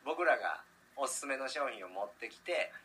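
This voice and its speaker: A man, co-hosting a casual comedy chat and throwing out quick retorts and teasing comebacks. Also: medium pitch, lively intonation, background noise. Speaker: radio co-host.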